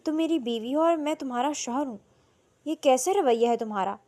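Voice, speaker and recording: A woman voicing a young husband who speaks quietly, coldly and firmly, in a storybook reading. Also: sits high, lightly acted. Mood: cold, stern. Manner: quiet, cold and firm. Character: young husband, stern and wounded.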